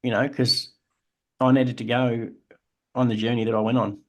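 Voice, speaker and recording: A man's voice: mid-range voice, little pitch movement, moderate pace, a little mellow. An Australian man, podcast co-host, telling his own story in an earnest, reflective way. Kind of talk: casual chat.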